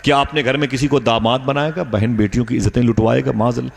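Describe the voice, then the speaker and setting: A man's voice: fairly low pitch, animated, brisk, a little mellow, big-room sound, lightly acted. A man voicing a harsh, stern father who gives his wife orders in a raised, commanding tone during a sermon story. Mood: scornful.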